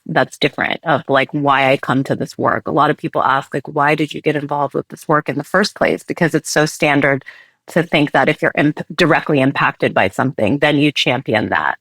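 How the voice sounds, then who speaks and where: A woman raised in the United States, a human rights litigator answering interview questions in an earnest, measured way. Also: low voice, a bit bright, no echo. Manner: earnest, measured, thoughtful with restarts.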